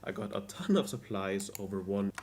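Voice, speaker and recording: A man's voice: on the low side, animated, moderate pace, a little mellow, a little hiss or hum. A man narrating a scripted recap of his strategy game week, restarting and repeating his lines. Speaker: gaming video creator.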